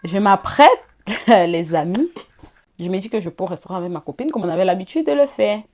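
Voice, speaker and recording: Woman doing a storytime vlog, middle pitch, chatty and animated, laughs a lot, talks right to her viewers. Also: a little fast. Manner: lively, laughing, addresses viewers directly. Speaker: vlogger. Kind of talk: casual storytime chat.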